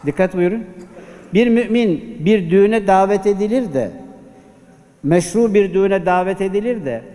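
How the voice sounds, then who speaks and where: A man's voice: high-pitched, lively intonation, normal speed, warm tone. A man preaching a Friday sermon at a pulpit microphone, exhorting the congregation with rhetorical questions. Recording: long hall reverb.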